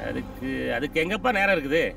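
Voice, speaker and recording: A man playing a brisk commanding boss. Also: on the high side, lively intonation, gravelly, sharp tone, full character voice. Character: stern business owner, commanding boss. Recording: distant mic, music behind.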